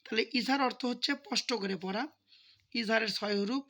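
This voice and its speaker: Bright-voiced man drilling recitation slowly. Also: sits high. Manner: spells words out slowly, syllable by syllable, in a repeated chant-like drill; patient, repetitive explaining with frequent appeals to share. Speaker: Quran recitation teacher. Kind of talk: step-by-step recitation lesson.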